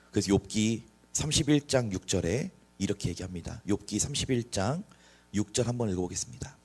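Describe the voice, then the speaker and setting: A male pastor delivers a sermon in a church with a low voice. He talks earnestly and works through his points with rhetorical questions. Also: darkish tone, slightly rough.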